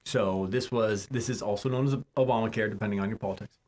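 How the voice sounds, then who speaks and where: A man from California, a doctor co-hosting a live medical talk show, joking in quick asides between explanations. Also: lowish voice, fairly even intonation, a little mellow, a little hiss or hum. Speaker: doctor co-host.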